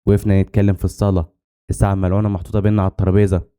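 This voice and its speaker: A man with an Egyptian Arabic accent narrating a horror story in the first person, with rushed, dramatic storytelling. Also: low voice, little pitch movement, dark tone, clear, resonant tone.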